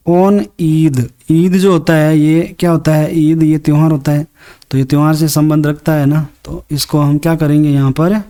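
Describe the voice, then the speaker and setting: A man teaches a class worksheet, patiently walking through each sentence in Hindi. His voice sits a little high yet sounds mellow and relaxed. He reads the English lines slowly before translating them. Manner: patient, step-by-step explaining. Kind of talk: worksheet lesson explained in Hindi.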